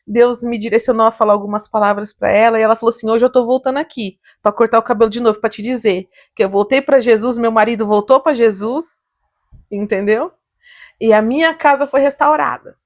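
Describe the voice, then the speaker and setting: A young Brazilian woman, a salon owner, telling animated stories on a casual podcast, laughing often and acting out what people said. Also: fairly high pitch, a little fast. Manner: animated storytelling, laughs often, acts out quotes.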